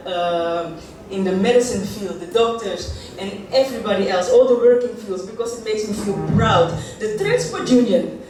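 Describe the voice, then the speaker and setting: Animated speaker. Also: mid-range voice. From Netherlands. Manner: animated, jokey, leads call-and-response chants. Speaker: union board member giving a ceremony speech. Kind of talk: lively public speech to graduates. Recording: echoey hall, voice from far off, noisy room.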